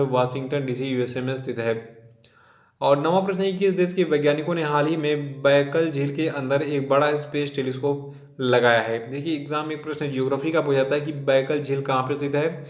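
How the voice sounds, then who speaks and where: A young man teaching current affairs for exam prep, explaining patiently and checking in with his students often. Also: a little high. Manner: explains patiently, repeating "dekhiye" and "theek hai". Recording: echoey room, dull lo-fi sound.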